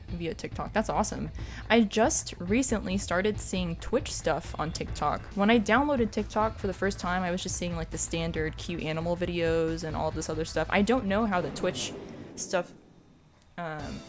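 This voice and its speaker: A woman streaming a game and chatting with viewers in a rambling, self-deprecating way. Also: lowish voice. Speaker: streamer and speedrunner. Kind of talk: casual livestream chat while gaming.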